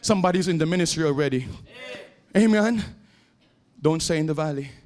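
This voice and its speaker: A man with a Filipino accent preaching a sermon in a church, swinging between shouted exhortation and low, quiet storytelling. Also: moderate pace. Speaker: pastor. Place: church sanctuary.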